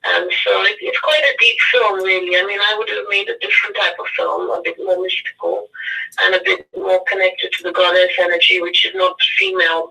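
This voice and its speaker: Gravelly, bright-toned woman on a distant line. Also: on the low side. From India. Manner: meandering, self-correcting, earnest. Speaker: guest, spiritual author. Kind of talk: casual radio interview.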